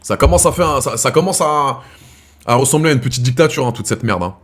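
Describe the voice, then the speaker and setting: A man's voice: medium pitch, animated, quick pace, fairly bright tone, husky. A man hosting a live chat show from France, talking casually and slangily to his viewers, calling them brothers and restarting his sentences as he rambles.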